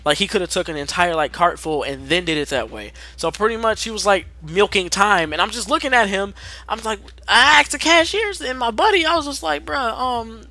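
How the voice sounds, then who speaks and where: A young man telling a story from work in a casual, animated way, acting out what his coworkers said. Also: high-pitched, a little fast, no echo. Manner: animated, acts out coworkers' lines in a raised voice. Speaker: storyteller vlogger.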